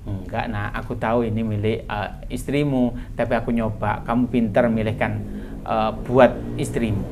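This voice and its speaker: Heartbroken elderly mother played by a male preacher, bitter but loving, strained high wails. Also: fairly even intonation, moderate pace, a little mellow, a little hiss or hum, natural voice. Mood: gentle. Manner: voice jumps high and strained when wailing. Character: grieving elderly mother, bitter then forgiving.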